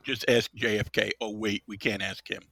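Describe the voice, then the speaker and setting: A hoarse man co-hosting a casual podcast, cracking sarcastic deadpan jokes. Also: fairly low pitch, moderate pace, dry recording. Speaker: podcast co-host. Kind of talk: casual chat.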